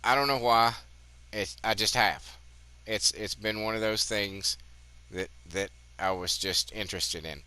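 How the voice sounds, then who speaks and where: Man, fifties, gaming host, rambling, profane, slightly muffled, low, bright. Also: unhurried, clean tone. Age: 50s. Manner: rambling, profane, chatty asides. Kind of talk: casual game commentary.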